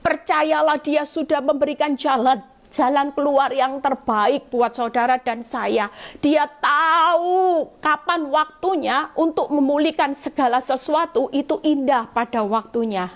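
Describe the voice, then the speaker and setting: Woman evangelist, high-pitched, emotional sermon delivery over a phone live stream, slows on key words.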